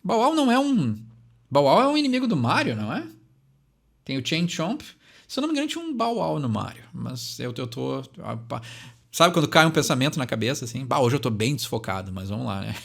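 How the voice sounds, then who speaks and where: A man's voice: medium pitch, very animated, fairly quick, vocal fry. A young man, hosting a channel and casually explaining song lyrics, thinking aloud and ending phrases with tag questions.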